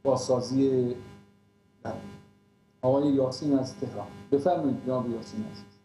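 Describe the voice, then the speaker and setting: Man, call-in show host, cleric, mellow dark tone, calm and teasing, roomy echo. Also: mid-range voice, slight background noise.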